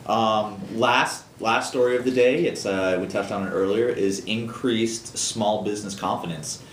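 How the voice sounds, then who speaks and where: Co-hosting a small business news show, a deep-voiced man chats casually and haltingly, full of fillers and false starts. There's a noticeable room echo on his voice and a faint rumble beneath it.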